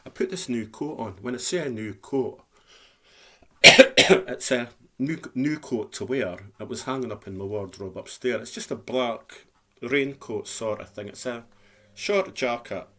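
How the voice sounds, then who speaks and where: Speaking at a normal pace in a mid-range voice, a Dundee man in his fifties chats plainly and casually for his vlog. He rambles and repeats himself, and a speech impediment makes his r come out as w.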